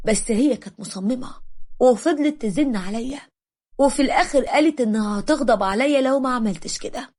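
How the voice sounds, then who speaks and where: A woman with an Egyptian accent narrating a first-person story from a man's point of view, steady and confiding. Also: sits high, a little fast.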